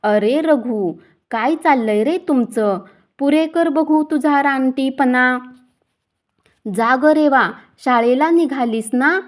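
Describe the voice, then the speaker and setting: Woman voicing an older aunt, storybook, gentle, chiding, higher pitch, slow.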